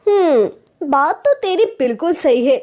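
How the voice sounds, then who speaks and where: A woman's voice: sits high, expressive, a little slow, darkish tone. A woman voicing a caring, chatty young friend in a cartoon story. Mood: soothing. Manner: soothing, chatty.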